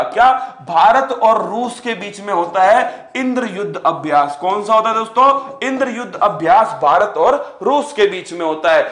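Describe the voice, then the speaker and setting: High-voiced echoey energetic male teacher. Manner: rhetorical questions, playful teasing nicknames for students. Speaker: exam coaching teacher. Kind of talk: energetic exam-prep lecture. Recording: echoey room.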